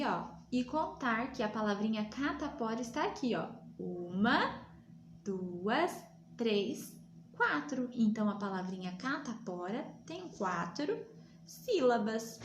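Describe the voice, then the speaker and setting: A woman from Brazil teaching young children, patient and drawing her words out slowly. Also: a little high, lively intonation, reverberant, a little hiss or hum. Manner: slow, patient, drawn-out words for small children. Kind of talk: remote lesson for young children.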